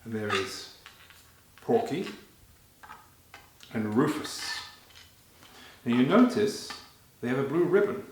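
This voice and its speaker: A man performing a story live for children, animated and talking to them directly, halting and repeating phrases as he goes. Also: medium pitch, slight background noise. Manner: animated, addressing children with questions. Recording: very echoey, reverberant room.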